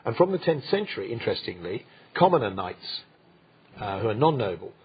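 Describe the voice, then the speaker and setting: A man with a very husky, breathy voice, pitched a little low, talks his way through history without a script. He stops often, fills the gaps with "uh", and restarts his phrases. The sound is dull and lo-fi. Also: very animated. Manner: halting, many fillers and restarts. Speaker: co-host, history presenter. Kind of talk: unscripted history talk.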